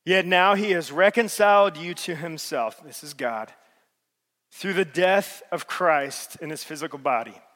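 A male pastor preaching a sermon, swinging between loud emphatic peaks and soft, low passages. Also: a little slow. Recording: long hall reverb.

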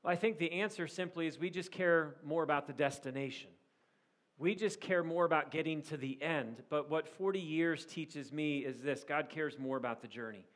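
High-voiced man in his forties preaching. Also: normal speed, a bit bright. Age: 40s. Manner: earnest, rises to emphatic repetition. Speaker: pastor. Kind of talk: sermon.

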